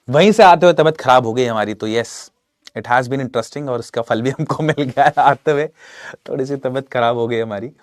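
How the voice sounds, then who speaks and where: A man's voice: medium pitch, normal speed, no echo. Man teaching with a sore throat. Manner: chatty, reads out viewer names and comments. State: sore throat with cough and cold. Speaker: online English teacher. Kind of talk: live online class, Hindi-English mix.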